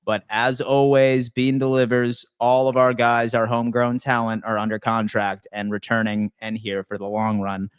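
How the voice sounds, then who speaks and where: A man hosts a live call-in stream with an excited, slangy delivery. His voice is smooth and resonant, recorded close and dry, with no room sound. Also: medium pitch, moderate pace, few pauses, dry recording. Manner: hyped, slangy, keeps saying "man". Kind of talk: casual call-in chat.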